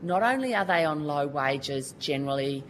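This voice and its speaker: An Australian woman with a low, animated voice gives earnest, colloquial formal testimony at a Senate committee hearing, restarting often. She talks at normal speed, and a little hiss or hum runs under the recording.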